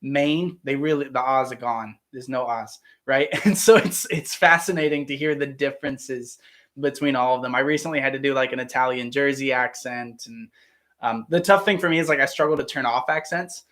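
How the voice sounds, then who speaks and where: Speaking at a medium pitch and moderate pace with a fairly bright tone, this Ohio-born man, an actor, answers questions on a casual livestream Q&A. His standard American accent carries an enthusiastic, casual chat packed with fillers and restarts.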